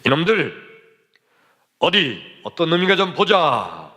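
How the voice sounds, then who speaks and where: A gruff middle-aged melon-field keeper barks at a pack of boys caught stealing, as a man acts him out. He scolds in loud, raised bursts. The voice rings with the long reverb of a church hall. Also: on the high side, huge pitch swings, unhurried, voice pushed up, full character voice. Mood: scolding.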